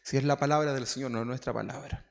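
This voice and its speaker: A man's voice: mid-range voice, fairly even intonation, fast talker, creaky. A man preaching a sermon as pastor, talking to the congregation in a casual way and often asking them questions. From Chile. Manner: conversational, asks the congregation questions. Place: church hall. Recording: long hall reverb.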